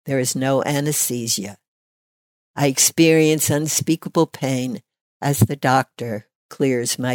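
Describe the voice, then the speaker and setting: An older woman, giving personal testimony in a measured, deliberate, reflective way. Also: very deep voice, dry recording.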